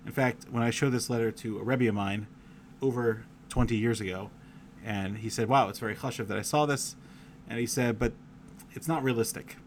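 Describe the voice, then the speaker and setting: A man's voice: medium pitch, brisk, slight background noise. A man giving a conversational Torah lecture, wandering between stories and reading letter passages with feeling, scattering Hebrew and Yiddish terms as he goes. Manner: reads quoted letter passages aloud with feeling. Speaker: Torah teacher.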